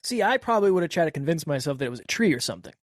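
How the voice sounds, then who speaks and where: A woman's voice: low voice, sing-song, rapid-fire, dry recording, studio quality. A woman in casual chat, giving short agreeing replies and thinking aloud.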